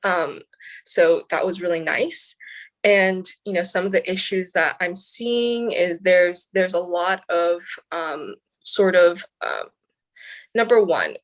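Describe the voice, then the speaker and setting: A lowish, slow female voice: a young adult from the San Francisco Bay Area who serves as a student senator. She answers interview questions earnestly and articulately, though she says "um" often.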